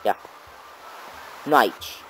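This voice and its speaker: A man giving excitable let's-play commentary, swearing and yelling at enemies over loud game music. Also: a little hiss or hum, poor audio. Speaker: gaming channel host.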